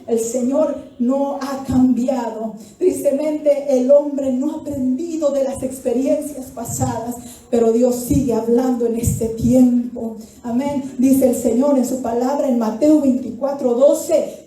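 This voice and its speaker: A woman pastor delivers a fervent sermon, her voice high and mellow. She builds to impassioned cries. The sound is echoey and distant, as if picked up from far back in a large church hall. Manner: preaching fervently, often rising to cries. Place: church sanctuary.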